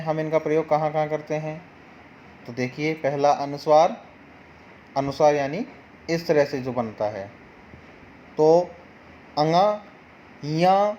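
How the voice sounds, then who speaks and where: A man's voice: fairly high pitch, darkish tone, muffled recording, a little hiss or hum. A man teaching an online grammar lesson, patient and explaining each sound one by one.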